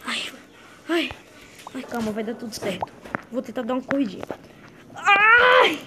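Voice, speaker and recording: A woman's voice: high voice, very animated, a little slow, heavy background noise. A woman playing a young male green dinosaur on the run in a game, talking to himself in a chatty, slangy way. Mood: hurting. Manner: chatty, slangy, talks to itself. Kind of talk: in-character game role-play.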